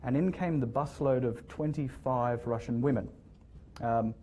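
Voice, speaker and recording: A hotel general manager talks casually to a roomful of students in a lecture room, answering their questions and telling friendly stories. He's hesitant and often repeats words as he starts sentences. His mid-range voice is warm and unhurried, with a little hiss or hum on the audio.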